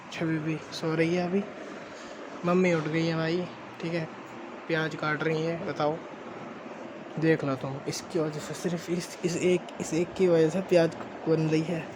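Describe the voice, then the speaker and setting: A young man narrating his daily vlog at home in a casual, chatty way, filling his talk with "bhai" and "theek hai" and sometimes dropping to a hush. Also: fairly high pitch. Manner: drops to a hushed voice at night. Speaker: vlogger. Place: family home and rooftop. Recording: noisy home phone recording.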